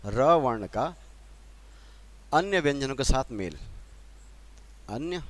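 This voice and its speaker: A slow, expressive, mid-range male voice belongs to an Uttarakhand man teaching spelling at a board. With his Uttarakhand Hindi accent, he patiently repeats the important points and directs questions at the class.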